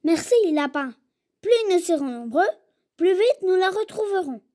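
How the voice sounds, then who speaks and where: A woman voicing a brave young male bear cub who leads his cousins, slow and earnest. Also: very high voice, expressive, mellow, pitched above the performer's own voice.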